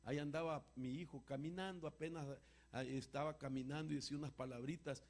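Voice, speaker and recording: Gravelly-voiced man preaching a testimony. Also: on the high side, steady tone, brisk. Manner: emotional storyteller, voice swings from loud to hushed. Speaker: apostle answering congregation questions.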